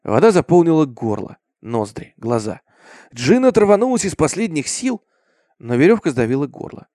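A man reads a dark horror tale aloud, grave and expressive, his voice dropping to a hush in the grim passages. His pitch is slightly high and moves widely. The recording is dry and close. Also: normal speed, no room sound. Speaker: storyteller. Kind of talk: dramatic horror story reading.

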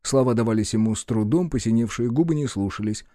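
A man narrating an audiobook in a lively, expressive way. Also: mid-range voice, quick pace, dry recording, studio quality.

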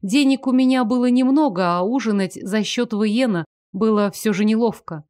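Female narrator, first-person fantasy, even clear delivery, dry booth recording. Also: fairly high pitch, moderate pace, no echo. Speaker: audiobook narrator.

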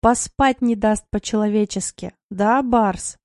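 A sleepy, grumbling young wife, as a woman reads her lines complains playfully in a warm, mellow voice. The sound is dry and close. She sounds drowsy and mock-annoyed. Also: medium pitch, a little slow, no room sound, close to an everyday voice. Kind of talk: audiobook narration.

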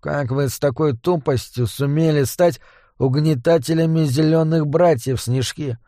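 A man's voice: fairly high pitch, a little slow, warm tone, dry recording, clean studio sound, natural voice. A man voicing a boastful slangy goblin sorcerer. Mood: mocking. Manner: slangy and mocking. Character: cocky little goblin sorcerer, mocking and boastful.

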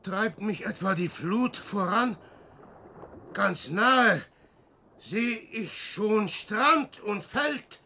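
Gravelly old Peer Gynt, wildly animated. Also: male voice, high voice, extremely slow, slight background noise, exaggerated voice. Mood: scornful. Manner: declamatory, swinging between shouts and murmurs. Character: old boastful, mocking wanderer, restless and defiant. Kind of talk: theatrical radio drama acting.

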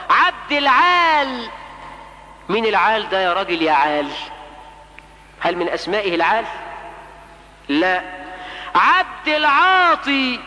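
A man with an Egyptian accent preaching a sermon, animated, firing rhetorical questions and swinging between soft asides and sudden loud outbursts. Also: high-pitched, big-room sound, low-quality recording. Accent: Egyptian Arabic.

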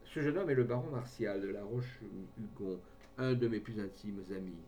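A man's voice: fairly low pitch, moderate pace, mellow, lightly acted. A man reading aloud voices a gallant, blunt cavalry colonel, unsure with ladies and bluff with friends. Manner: hesitant with women, bluff with friends.

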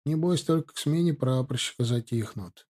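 A man's voice: mid-range voice, normal speed, a little mellow, lightly acted. A man doing an offhand soldier on guard. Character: easygoing male soldier on guard.

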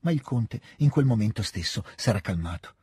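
A male narrator reads a classic novel in a measured, expressive way. His voice is very husky and breathy. The recording is close and completely dry. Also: fairly low pitch, no room sound. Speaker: audiobook narrator. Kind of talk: literary audiobook reading.

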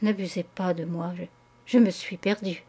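A woman's voice: medium pitch, unhurried, warm tone, natural voice. A woman reading a tearful guilty wife. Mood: tormented confession. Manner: breathless, faltering, tearful. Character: guilt-stricken married woman confessing love.

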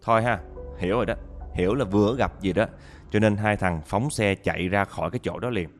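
A man's voice: on the low side, fairly quick, soft background music. A man narrating a listener's ghost story, talking straight to his audience with dramatic storytelling.

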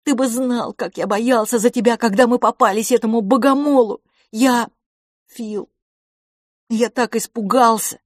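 A frantic young boy begging his brother, as a woman reader puts him on, his voice high, loud and breaking with fear. Every line pushes and pleads. The sound is dry and close. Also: fairly even intonation, a little slow, dry recording. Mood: pleading. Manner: desperate, pleading, voice cracking.

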